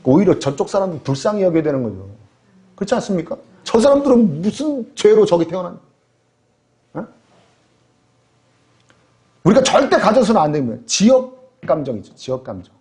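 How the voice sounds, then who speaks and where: A man's voice: sits high, sing-song, normal speed, pauses often, a little mellow. A man preaching a sermon as pastor, telling stories animatedly and throwing rhetorical questions to the congregation.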